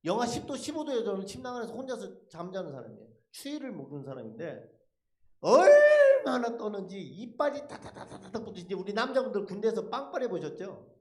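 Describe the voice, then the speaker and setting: Animated high-voiced man testifying in an echoey church. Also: a little fast. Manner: animated storytelling with rhetorical questions. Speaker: lay speaker giving a testimony. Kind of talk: dramatic testimony at a church service. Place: church sanctuary.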